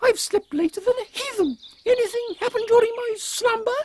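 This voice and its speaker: A woman's voice: very high-pitched, brisk, darkish tone. A woman playing an imperious, eccentric elderly British queen with an upper-class accent in a comic audio drama, pompous and exclamatory. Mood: flustered. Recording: faint background noise.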